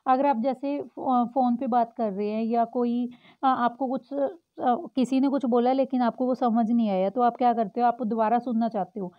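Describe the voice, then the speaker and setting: A woman with a fairly high voice teaches English to Hindi speakers. She explains patiently and reads example phrases out slowly. The sound is thin and tinny, like a phone line. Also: fairly even intonation.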